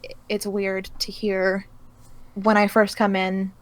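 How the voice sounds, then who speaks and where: A woman's voice: mid-range voice, completely flat delivery, takes it slowly. A woman answering as an interviewed voice actor, chatting casually in a hesitant, thoughtful way and often correcting herself.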